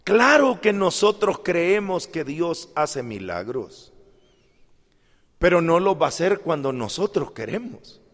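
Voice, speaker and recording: Slow-preaching man in a reverberant hall. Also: fairly high pitch, big pitch swings. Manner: acts out little dialogues, swings from loud outbursts to quiet asides. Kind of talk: sermon.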